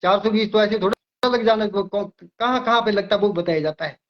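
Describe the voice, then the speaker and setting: A man's voice: sits high, a little fast, highs cut off. An older man who works as an astrologer, from Himachal Pradesh, explaining emphatically in an interview and often repeating his words. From Himachal Pradesh, India.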